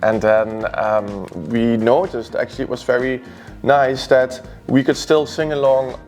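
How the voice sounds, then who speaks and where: A musician chatting about favorite records in a record store, with a thoughtful, rambling way of talking. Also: male voice, medium pitch, fairly even intonation, a little slow, darkish tone, faint music behind. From Belgium.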